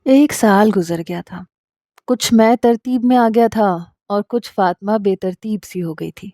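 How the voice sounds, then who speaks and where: A woman narrates a storybook romance at a steady pace, her tone mellow and soft. The recording is dry and close. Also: mid-range voice, no echo.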